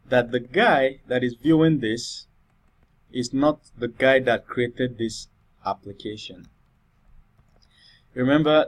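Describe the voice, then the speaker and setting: Male coding tutor, mid-range voice, unscripted and conversational, frequent "all right?" check-ins. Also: medium pitch. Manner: thinks aloud, many fillers and "all right?" checks. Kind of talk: screen-recorded coding tutorial.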